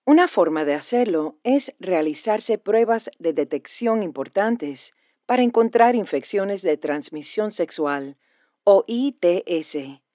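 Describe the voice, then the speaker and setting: A woman reading a scripted health information phone message in a measured, even informational manner. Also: mid-range voice, no room sound.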